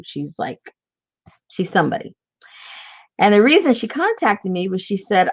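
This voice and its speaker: A woman hosting an art tutorial chats casually while painting, rambling and muttering to herself as she works. Her voice is on the low side with vocal fry, and the audio is dull.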